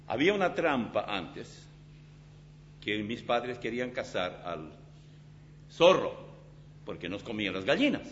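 A man preaching a sermon as pastor in a church, in an animated, dramatic way with vivid illustrations. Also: on the low side, unhurried, long pauses. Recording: slightly dull recording with faint hum.

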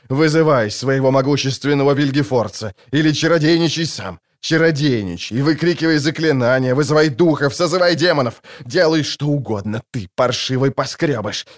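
A man voicing a desperate, bossy male mercenary leader who barks orders and yells at his men. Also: medium pitch, natural voice. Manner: barking orders, yelling.

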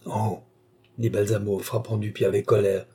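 Guy narrating an audiobook, steady, mellow and a little husky. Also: on the low side, brisk. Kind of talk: audiobook reading.

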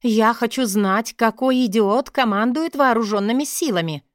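Woman doing a sharp, mocking lady commander. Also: on the high side, normal speed, no echo, studio quality, close to an everyday voice. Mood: scornful.

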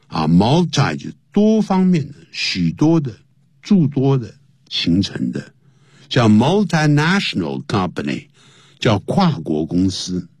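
Male teacher, low husky voice, very slow and deliberate, pitch leaps up on key points, dry close sound. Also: darkish tone, no echo. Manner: explains slowly, spells words out letter by letter; pitch jumps high to stress points. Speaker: English teacher. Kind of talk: classroom English lesson.

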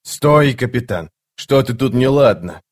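A hardened male assassin, wary and gruff, drawls his words slowly. A man reads him in an audiobook. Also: mid-range voice, expressive.

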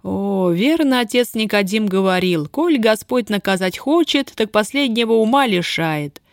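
Женщина читает реплики сердитой, резкой на язык молодой крестьянки, ругающейся простонародной речью. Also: female voice, medium pitch, expressive, moderate pace, no room sound, studio quality, voice pushed up, lightly acted. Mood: scolding. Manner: gruff, scolding, folk speech. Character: grim, sharp-tongued young peasant woman, bound.

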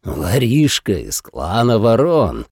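A man voicing a contemptuous, haughty elder male clan head in a slow, sneering, gravelly delivery. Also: mid-range voice, sing-song, a little mellow, no echo, clean studio sound, heavily acted.

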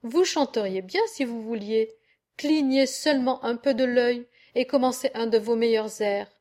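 A woman reading a medieval tale aloud, voicing a sly, smooth-talking male fox in a soft, flattering tone. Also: fairly high pitch, normal speed, lightly acted.

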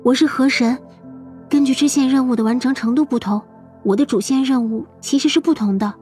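A man voicing a clever, guarded young girl in an audiobook, in a soft, earnest and polite manner. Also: a little fast, faint music behind. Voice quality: high, thin girlish voice. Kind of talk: audiobook character voice.

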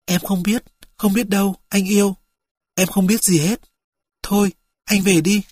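A reader voicing a frail young woman who speaks softly and tenderly to her lover, in a husky voice. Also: medium pitch, steady tone, unhurried, dry recording, clean studio sound, pitched above the performer's own voice, natural voice. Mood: whispering. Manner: soft, pleading and intimate.

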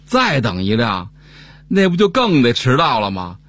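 Lively man telling a story. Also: mid-range voice, normal speed. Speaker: son in a family comedy sketch. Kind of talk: scripted radio comedy dialogue.

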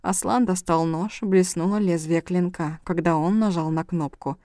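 A woman narrating a novel in the first person, in a tense, measured way. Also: fairly low pitch, steady tone, warm tone, no room sound, clean studio sound. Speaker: audiobook narrator.

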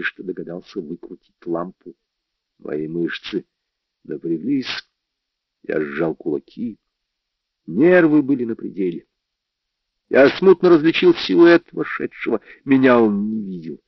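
Low-voiced man narrating a crime novel. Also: dry recording, highs cut off. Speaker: audiobook narrator.

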